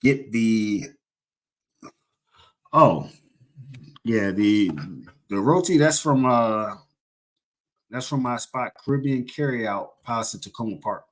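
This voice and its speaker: A man's voice: mid-range voice, slow pace, long pauses. A young man casually chatting on a livestream, rambling and joking as he corrects himself mid-sentence. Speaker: livestream host.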